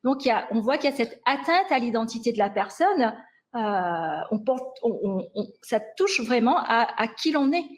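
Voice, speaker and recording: A woman's voice: a little high, expressive, moderate pace. A woman giving a lecture with slides on language sciences, speaking hesitantly and often restarting and correcting herself.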